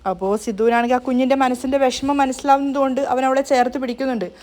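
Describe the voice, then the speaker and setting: A woman retelling a television serial's episode as a spoken story recap, brisk and occasionally stumbling over words. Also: high-pitched, fairly even intonation, a little mellow.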